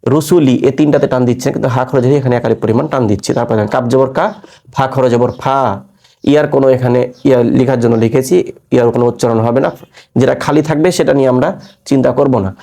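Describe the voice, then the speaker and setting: A man's voice: medium pitch, fairly even intonation, very fast, gravelly, mellow. A man teaching Quran reading, spelling out syllables patiently and quizzing his listeners with rhetorical questions. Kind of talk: spelled-out recitation lesson.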